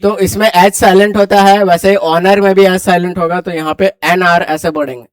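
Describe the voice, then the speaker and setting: Brisk high-voiced male classroom teacher. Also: level tone, smooth, no echo. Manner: brisk, quizzing students and urging them to hurry. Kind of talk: classroom grammar lecture.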